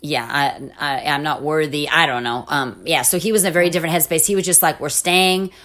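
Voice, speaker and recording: A middle-aged woman telling a personal story in a casual interview, animated, with restarts and laughing asides. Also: low-pitched, quick pace. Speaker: interview guest.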